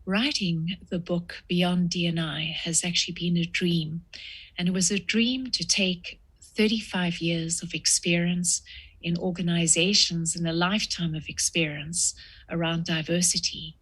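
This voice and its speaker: A woman in her sixties from South Africa, a guest author answering podcast interview questions in a measured way with frequent pauses. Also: lowish voice, fairly bright tone, slightly rough.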